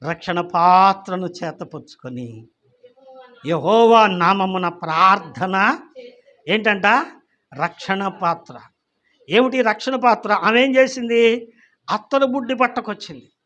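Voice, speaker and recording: A man with a high voice preaching a sermon, firing questions at his congregation again and again. He reads scripture slowly and deliberately, then falls quiet and low to drive a word home. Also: dull audio. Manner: calls out questions to the congregation, repeating "ఏమండి?"; slows right down to read scripture. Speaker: pastor.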